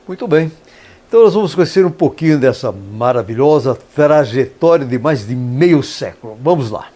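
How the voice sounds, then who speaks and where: A man's voice: medium pitch, animated, normal speed, dark tone. A man hosting a radio interview in a studio, speaking in a formal, ceremonious way and praising his guest in flowery terms. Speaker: radio interview host, professor.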